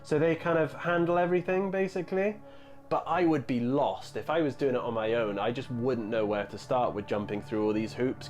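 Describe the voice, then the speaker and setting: Thirties male hobby streamer, relaxed and rambling, average pitch, soft music bed behind. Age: 30s. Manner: chatty, rambling, answers chat messages. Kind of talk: casual live-stream chat.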